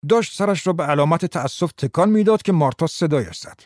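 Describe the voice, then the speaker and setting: A man narrating a novel as an audiobook, in a steady, expressive storytelling manner. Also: fairly high pitch, no room sound, clean studio sound.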